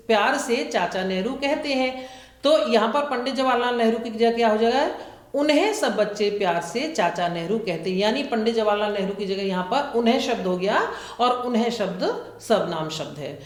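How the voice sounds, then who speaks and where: A woman's voice: a little high, roomy sound. A woman schoolteacher, patiently explaining grammar to young children and asking them questions. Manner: patient, repeats points and asks the class questions.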